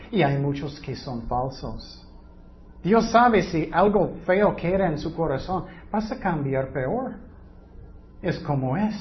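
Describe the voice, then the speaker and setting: A man preaching a sermon at an unhurried, deliberate pace, with a fairly high voice. He teaches earnestly and leans on rhetorical questions. The recording sounds a little muffled and lo-fi.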